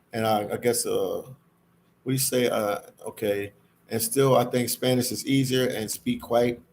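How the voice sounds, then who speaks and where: In a relaxed livestream, a man reads comments and talks to viewers, repeating himself in slangy speech and often saying "man" to them. He has a mid-range, darkish voice, and background ambient noise comes through clearly.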